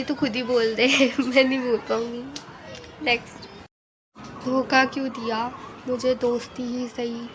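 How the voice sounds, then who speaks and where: A woman's voice: on the high side, background noise. A young woman vlogger reading fan questions aloud and answering them bluntly in a casual Q&A, often checking "okay?" with her viewers. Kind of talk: casual Q&A vlog.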